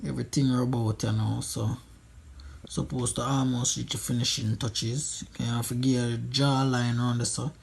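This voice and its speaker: A man's voice: mid-range voice, flat delivery, normal speed, creaky, darkish tone, slight background noise. A man with a Jamaican accent giving casual, humorous commentary, using Patois slang and repeating phrases for emphasis. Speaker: friend doing a makeup voice-over.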